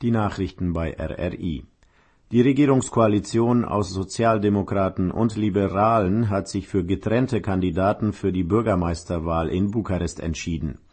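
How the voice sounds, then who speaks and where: A man with a lowish, husky voice presents a radio programme. He reads scripted news as the host and newsreader. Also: normal speed, a little mellow.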